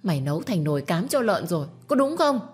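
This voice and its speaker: A woman voicing a spoiled, bratty seventeen-year-old girl who scolds and whines in a sharp tone. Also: lowish voice, very animated, quick pace, breathy edge, soft background music. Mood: scolding.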